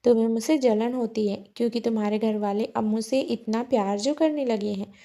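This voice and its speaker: A tearful young wife, sharp and accusing, her voice pushed higher than the reader's own, as a woman narrator acts her. Her lines come out louder and hurt in a storybook reading. The tone stays mellow underneath. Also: fairly even intonation, brisk, close to an everyday voice.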